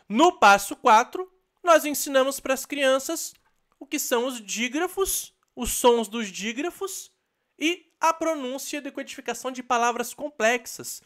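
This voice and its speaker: A man teaching an online literacy lesson, explaining step by step, sounding out letters slowly and checking in with the listener. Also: very high voice, animated, fairly bright tone.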